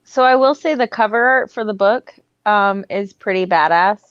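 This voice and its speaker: A woman's voice: mid-range voice, normal speed, no echo, dull audio. A woman co-hosting a casual movie podcast, eager and emphatic, who swears casually. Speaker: podcast co-host. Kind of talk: casual movie review chat.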